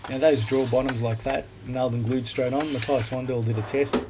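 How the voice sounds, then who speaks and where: Speaking fairly quickly in a mid-range voice, an Australian man explains his workshop build step by step in a relaxed, plain-spoken voice-over for a woodworking video. He recorded it as a noisy phone voice memo rather than with a microphone.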